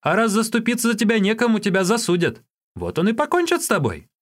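A man voicing a cheeky young male street peddler who chatters in a high, excited voice. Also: fast.

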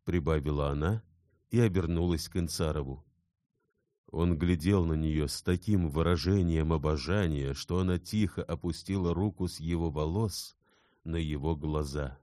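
A man narrating a classic novel in a measured, calm storytelling manner. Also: rumbling low, no room sound, clean studio sound.

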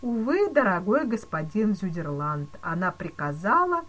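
A woman's voice: medium pitch, sing-song, normal speed, a bit bright. A woman voicing a male police chief who delivers dire news in a grave, regretful manner in a storybook reading. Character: solemn, mock-sympathetic male police chief.

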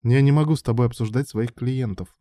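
A man reading aloud and voicing a scheming woman madam in an audiobook, with a coaxing manner that turns to shrill exclamations. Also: fairly quick, warm tone, dry recording, studio quality, lightly acted. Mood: sly. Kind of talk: audiobook dialogue.

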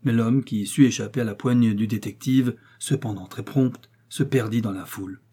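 A male narrator reads a classic novel with a measured, expressive delivery. His voice is dark and mellow, with a husky edge. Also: mid-range voice. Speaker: audiobook narrator. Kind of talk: literary audiobook narration.

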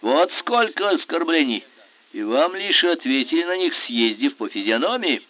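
A man's voice: a little high, sing-song, moderate pace, pitched above the performer's own voice. A man voicing an imperious, scornful Russian general who talks in biting, sarcastic commands. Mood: commanding. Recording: tinny phone-like sound.

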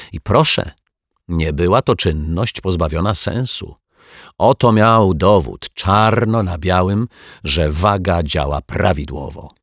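A man's voice: sits low, dry recording, clean studio sound. A man reading a children's detective story aloud with a playful, swooping delivery. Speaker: audiobook narrator. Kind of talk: expressive storybook narration.

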